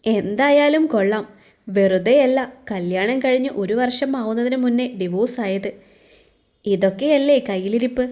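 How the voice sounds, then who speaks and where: A woman's voice: a little high, moderate pace, warm tone, close to an everyday voice. A woman voicing a spiteful female team leader who taunts a coworker in a mocking tone.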